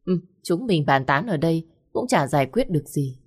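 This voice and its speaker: A woman's voice: low-pitched, sing-song, moderate pace, a little mellow, husky, full character voice. Woman voicing catty young waitresses, snide tone, storybook reading. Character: gossiping spiteful young waitresses.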